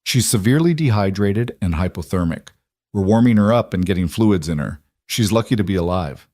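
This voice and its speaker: A weary male doctor delivers facts in a brisk, clinical way, as a narrator reads him. The voice is lowish and the sound dry and close. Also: expressive, a little mellow, no echo. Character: tall tired male doctor.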